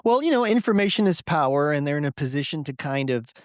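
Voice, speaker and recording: A man hosting a podcast interview, asking measured questions with many "you know"s. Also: on the high side, lively intonation, no echo, clean studio sound. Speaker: podcast host.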